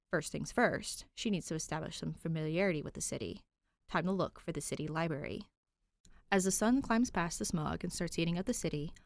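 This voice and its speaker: Here a fairly low-pitched woman narrates fan fiction as the host and reader of her podcast. She's close to the mic and the recording has no echo. After some friendly introductory chat, she reads the story in an audiobook style.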